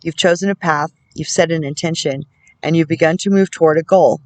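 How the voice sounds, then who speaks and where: A woman's voice: low voice, steady tone, no echo, low-quality recording. Woman reading oracle cards, dry close sound. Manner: measured reading broken by musing, self-amused comments. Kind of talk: reading card texts aloud with chatty asides.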